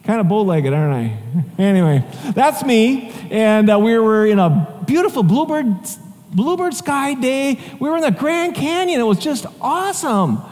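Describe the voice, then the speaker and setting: Pastor, male, high voice, storytelling sermon, long hall reverb. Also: moderate pace. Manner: conversational, animated storytelling with asides and chuckles.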